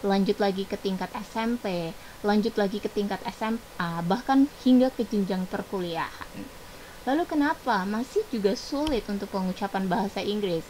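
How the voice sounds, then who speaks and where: A woman's voice: medium pitch, darkish tone, a little hiss or hum, poor audio. A woman with an Indonesian accent giving an online English lesson, explaining patiently and repeating herself. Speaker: English teacher.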